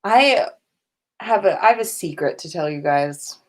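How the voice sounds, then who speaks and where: This livestreaming podcast host is a woman speaking from indoors at home in a lowish, animated voice, taking her time. She keeps things loose and chatty with her viewers, dropping swear words and giggles as she goes.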